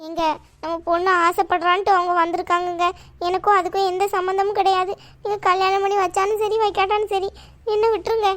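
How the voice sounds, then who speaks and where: A woman's voice: very high-pitched, level tone, quick pace, fairly bright tone. A woman voicing a meek, timid middle-aged wife and mother in a cartoon, pleading and apologetic.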